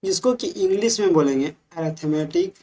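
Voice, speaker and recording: Woman maths teacher, Bihari Hindi accent, low voice, steady patient classroom talk. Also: normal speed. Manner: patient, repeats "ठीक है" and checks with the class.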